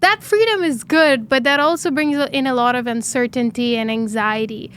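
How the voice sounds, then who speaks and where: Earnest young woman founder with a higher voice. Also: normal speed, clear, resonant tone. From Dubai. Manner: earnest, animated storytelling with many fillers. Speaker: startup founder guest. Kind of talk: interview conversation.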